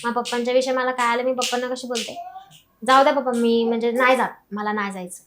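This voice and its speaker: A woman's voice: on the high side, steady tone, noisy background. A young woman tells her life story as an interview guest, acting out the voices of her family. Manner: fast, emotional, acts out quoted family members. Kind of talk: emotional personal storytelling.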